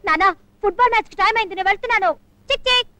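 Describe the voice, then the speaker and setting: Brief: giddy, teasing young daughter, very high voice, rapid chatter, dry sound, 1980s film. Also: female voice, pushed and bright, no room sound. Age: young adult. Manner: bubbly, mixes in English words, catchphrase.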